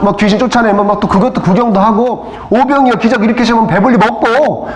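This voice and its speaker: A male pastor preaching a sermon in a church, asking the congregation questions and calling for amens. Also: extremely high pitch. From South Korea. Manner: preaching with rhetorical questions and calls of amen; acts out crowd voices and rebukes. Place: church sanctuary. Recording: echoey church hall.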